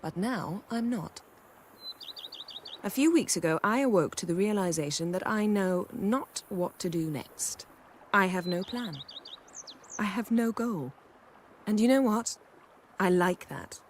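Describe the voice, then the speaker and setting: A woman's voice: mid-range voice, a little slow, long pauses, a little hiss or hum, close to an everyday voice. An actress playing a composed female sorceress in a video game, with cool, wry delivery.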